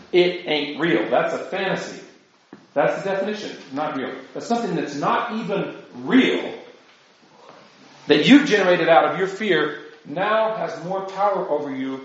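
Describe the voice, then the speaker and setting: Man, priest, chatty teaching talk, rhetorical asides, dull muffled recording, big echo. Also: fairly high pitch. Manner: conversational, rhetorical asides, frequent "right?". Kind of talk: informal lecture to a group. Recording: very echoey room, dull lo-fi sound.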